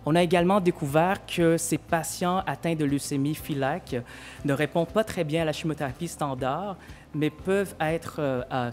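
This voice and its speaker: A man's voice: a little high, darkish tone. A man from Vietnam, a pediatric hematologist and researcher, giving a prepared thank-you speech with many fillers and restarts.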